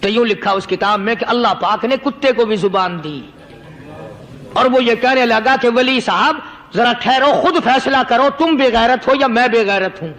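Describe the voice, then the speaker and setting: A man's voice: very high voice, a bit bright, rough recording. A man preaching a storytelling sermon, impassioned and repetitive, rising into dramatic emphasis.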